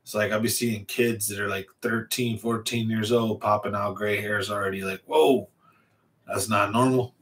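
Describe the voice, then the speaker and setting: A man's voice: lowish voice, fairly even intonation, moderate pace, a bit bright. A man of forty hosting a fishing channel livestream from a small home room, chatting casually, rambling and answering viewers' comments. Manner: rambling, laid-back, reads and answers chat. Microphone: large studio mic on a stand in front.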